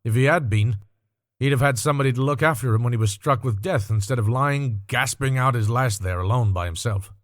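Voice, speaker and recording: A man's voice: mid-range voice, brisk, dry recording, studio quality, close to an everyday voice. A man voicing a bold, callous working-class woman thief in a storybook, with a brash, scornful, colloquial manner.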